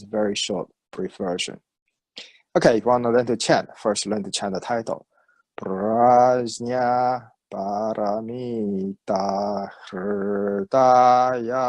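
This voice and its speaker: A man teaching a dharma lesson, explaining terms patiently with fillers and chanting titles slowly. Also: fairly low pitch, vocal fry, a little mellow, husky, no room sound, poor audio. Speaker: meditation teacher.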